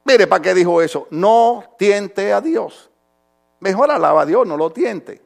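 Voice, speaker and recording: Gravelly high-voiced preacher. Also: male voice, expressive, measured pace. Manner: fervent, swings from quiet talk to shouting; addresses listeners as brother. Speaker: pastor. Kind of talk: sermon.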